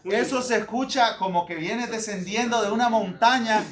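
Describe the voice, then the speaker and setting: A middle-aged man from Honduras, a pastor giving a lively, joking teaching talk to church readers and acting out pronunciations. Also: high-pitched, moderate pace, crowd noise.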